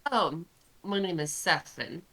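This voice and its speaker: Woman playing a low-voiced, hesitant woodworker. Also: takes it slowly, fairly bright tone. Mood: friendly. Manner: hesitant, searching for words. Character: modest, sincere woman woodworker and inventor in fantasy game.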